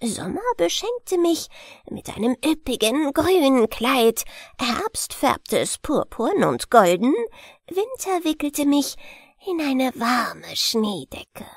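A woman's voice: sits high, very animated, slow pace, creaky, no room sound, studio quality, full character voice. A woman voicing a grumpy old male willow stump in a storybook, scolding and growling. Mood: reminiscing.

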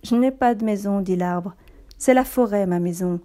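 A loving old tree from a children's storybook, coaxing and tender, given voice by a woman reading aloud. The tone stays mellow and warm, lifted a little above the reader's plain voice. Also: medium pitch, normal speed, close to an everyday voice. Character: generous loving old tree, gentle and giving.

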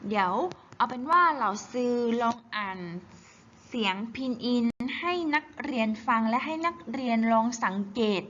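A woman teaching Chinese in a slow, patient worksheet walkthrough, repeating each syllable clearly. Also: fairly high pitch, expressive, a bit bright. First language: Thai. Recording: slightly dull, faint hiss.

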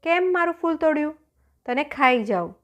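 A storybook lion, fierce to look at but kind at heart, as a woman reads him aloud. He speaks with firm command and a soft warmth, in a fairly high voice with lively swings of pitch. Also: moderate pace. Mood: threatening. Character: fearsome but gentle male lion.

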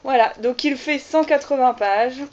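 A woman talks casually to her viewers while she opens a box of her own books, her voice a little high. She leans on fillers and pauses, and the home-video sound is dull and lo-fi. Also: a little mellow, a little hiss or hum. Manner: chatty, many fillers like "voilà" and "euh". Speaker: author unboxing her own book. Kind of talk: casual vlog chat.

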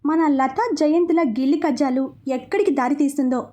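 A woman narrating a romantic story in a calm, intimate way. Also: high voice, fairly quick.

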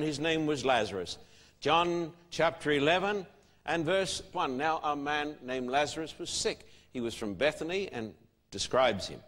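Bright high-voiced man preaching emphatically. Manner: emphatic, rhetorical questions. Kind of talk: sermon. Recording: long hall reverb.

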